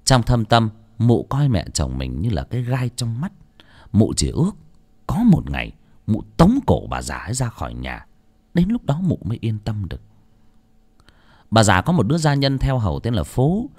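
A man narrating an audiobook story in an expressive, dramatic reading style. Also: moderate pace. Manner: expressive, dramatic reading with wide pitch swings.

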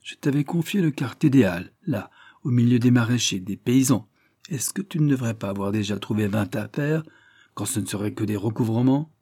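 A man voicing a burly, pompous middle-aged detective chief who bullies and lectures his men, in a raised, hectoring voice with a husky edge. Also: mid-range voice, lively intonation, a little fast, dark tone, no room sound, studio quality, natural voice. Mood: scolding, bossy.

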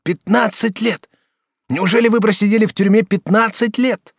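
Man reading as an eager young student, raised lively pitch, polite and chatty, dry sound. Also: fairly quick, dry recording, natural voice. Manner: bright, animated, polite and excitable. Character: eager young male student, courteous and talkative. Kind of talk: audiobook character reading.

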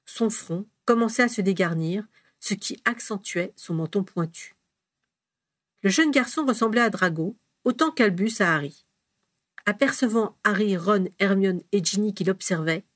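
A woman's voice: medium pitch, normal speed, no room sound. Woman narrating a storybook, dry and close. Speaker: audiobook reader.

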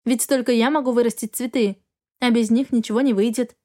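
Fields: Voice: a woman playing a sharp-tongued young heroine. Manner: sarcastic. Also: a little high, steady tone, fairly quick, lightly acted. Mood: exasperated. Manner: sarcastic, tart retorts.

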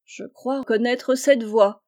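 A woman's voice: on the high side, fairly even intonation, a little mellow, pitched above the performer's own voice. Woman reading a courteous young hero. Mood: calm. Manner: courteous, measured, slightly lofty. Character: polite, noble young peasant hero.

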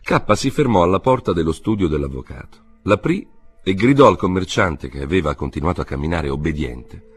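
A man narrating a literary novel as an audiobook, in a measured, expressive reading. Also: sits low, breathy edge.

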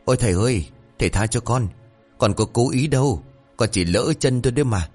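A man voicing a naive, blunt young male disciple who pleads and wails in a raised, fast voice. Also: animated, soft background music. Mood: pleading. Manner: pleading, wailing, high and fast.

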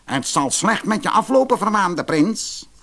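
A man's voice: high voice, sing-song, a little slow, fairly bright tone, voice pushed up, heavily acted. A man doing a cheeky spiteful dwarf. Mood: chirpy. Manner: chirpy, turning spiteful. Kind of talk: storybook reading.

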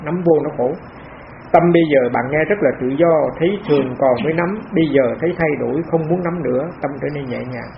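A man's voice: on the high side, gravelly. A man, a monk giving a plain, repetitive, conversational Dharma talk at a meditation retreat. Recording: dull lo-fi talk recording with faint noise.

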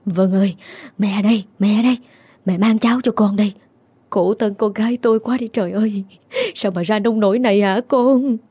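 A man's voice: sits high, normal speed, slightly rough, no echo, voice pushed up. A man voicing a distraught middle-aged mother who begs and comforts her daughter through tears. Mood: tender worry. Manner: tearful, imploring, soft-hearted. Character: anxious middle-aged mother, tearful and pleading.

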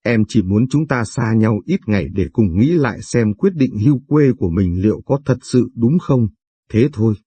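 A man voicing a hurt, weary wife who calmly asks for time alone in a told story. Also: mid-range voice, normal speed, husky. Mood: withdrawn.

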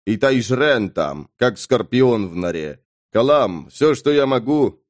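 A man reading an audiobook aloud, voicing a wary male high mage who talks low and tersely. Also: big pitch swings, slow, dry recording, clean studio sound. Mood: guarded.

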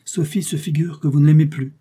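A man's voice: on the high side, fairly even intonation, fairly quick, mellow, husky, pitched above the performer's own voice. A man voicing an earnest, devoted young woman who pleads humbly and bravely. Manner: pleading, emotional.

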